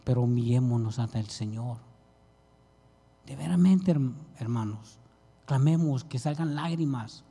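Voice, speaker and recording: A man's voice: mid-range voice, unhurried, long pauses, warm tone, slightly rough. A man preaching a sermon, pleading with his listeners and calling them brother. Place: church hall. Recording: reverberant church hall.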